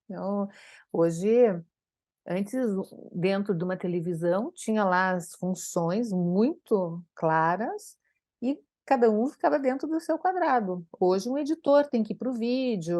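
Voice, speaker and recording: A woman speech therapist from Brazil telling stories from her career in an interview, lively and expressive. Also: a little slow, no room sound, clean studio sound. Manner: animated, acts out quoted dialogue with big pitch jumps. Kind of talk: conversational interview storytelling.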